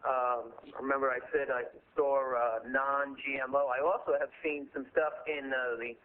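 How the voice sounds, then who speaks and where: A man's voice: mid-range voice, steady tone, normal speed. Male caller, rambling casual chat, thin tinny phone line that sounds like a tunnel. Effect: hollow phone line that sounds like a tunnel. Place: his living room.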